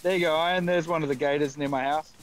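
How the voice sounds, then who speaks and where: Australian guy, relaxed and chatty, swears freely, voice a touch high. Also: quick pace. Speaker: fellow player. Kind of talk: casual gaming chat.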